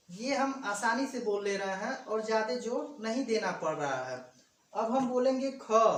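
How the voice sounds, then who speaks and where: A grammar teacher giving an exam-prep video lesson, explaining step by step and sounding out letters slowly, addressing viewers as friends. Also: mid-range voice. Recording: echoey room, distant mic, faint background hum.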